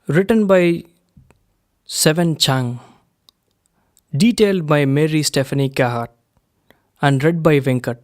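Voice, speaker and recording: A man reading a first-person story aloud in a measured, unhurried way. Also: a little high, darkish tone. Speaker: reader of a story.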